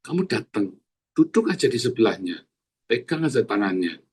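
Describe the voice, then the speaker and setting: A male pastor, preaching in an animated, earthy way and calling out to the congregation. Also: fairly low pitch, normal speed, slightly rough. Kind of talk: sermon.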